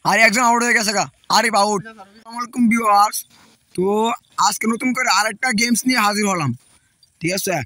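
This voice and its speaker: A man with a high, bright, piercing voice hosts a rowdy comedy vlog game. He bossily calls time on each player and sends them off. A faint hiss sits under his voice. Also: fairly even intonation, a little fast. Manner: bossy, keeps shouting at players to move on. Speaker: game host. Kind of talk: casual comedy vlog, running a no-laughing dance game.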